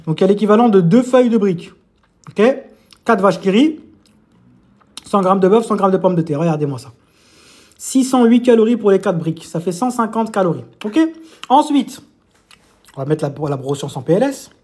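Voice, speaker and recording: A man's voice: high voice, expressive, moderate pace, pauses often, a little mellow, echoey room. A man chatting casually on a live stream while eating, teasing his viewers with playful mini lessons and quizzes. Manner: chatty, teasing, mock-lessons, talks with mouth full. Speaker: fitness coach streaming live.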